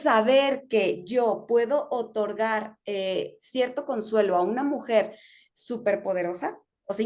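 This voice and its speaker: Earnest woman lawyer, fairly high. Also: darkish tone. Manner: earnest, personal, uses many fillers. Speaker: family lawyer, panelist. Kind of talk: conversational panel talk.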